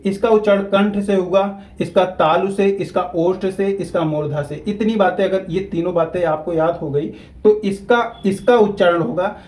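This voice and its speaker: High-voiced man teaching at a whiteboard. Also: darkish tone, rough recording. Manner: repeats key terms slowly for students. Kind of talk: whiteboard grammar lesson.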